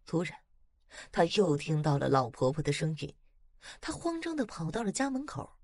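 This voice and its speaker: Woman narrating a ghost story, low-pitched. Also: big pitch swings, moderate pace, darkish tone, dry recording, studio quality.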